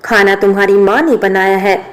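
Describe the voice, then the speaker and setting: Brief: a sarcastic young drinking man, level monotone delivery, a woman reading him. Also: medium pitch, moderate pace, lightly acted. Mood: teasing. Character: brash young man who drinks, gruff then teasing.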